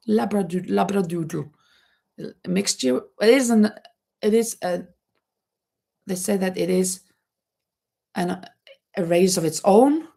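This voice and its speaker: A middle-aged Norwegian woman with a warm, mid-range voice and some vocal fry hosts a relaxed home livestream by a terrace. Between frequent laughs and restarted words, she chats and reads comments from her viewers.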